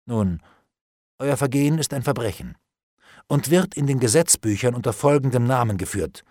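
A man voicing a calm, ironic nobleman in an audiobook, speaking in a low, measured voice with cool menace. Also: no room sound, close to an everyday voice. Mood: icily calm. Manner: calm, dry, ironic, unhurried. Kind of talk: audiobook character reading.

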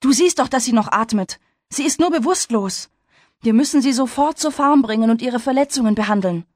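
A woman's voice: on the high side, expressive, fairly quick, a little mellow, no room sound, clean studio sound, voice pushed up. A woman reading a story aloud, voicing a brave, determined young farm wife in an urgent, raised voice.

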